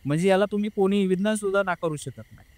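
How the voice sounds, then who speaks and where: A man's voice: sits high, rapid-fire, a little mellow, no echo. A young man earnestly telling a personal story in a casual interview, acting out what his family said. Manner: earnest, emotional, re-enacts family members' words.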